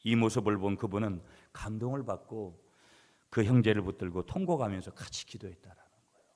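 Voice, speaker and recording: A middle-aged man preaching a sermon as pastor, swinging between loud emphatic passages and quiet asides to the congregation. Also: lowish voice, fairly quick. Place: church sanctuary. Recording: church hall reverb.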